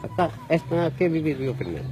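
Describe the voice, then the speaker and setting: A middle-aged man from Peru, a local resident, answering a reporter's questions outdoors in halting, fragmented speech into a handheld mic. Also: on the high side, sing-song, poor audio. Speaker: affected resident. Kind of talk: interview answers. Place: outdoors among ruined houses.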